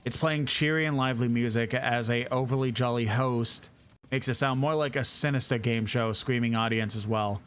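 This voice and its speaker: A man's voice: mid-range voice, steady tone, normal speed, a bit bright, clean tone. A man streaming a game live, chatting casually, swearing now and then and reading chat messages aloud.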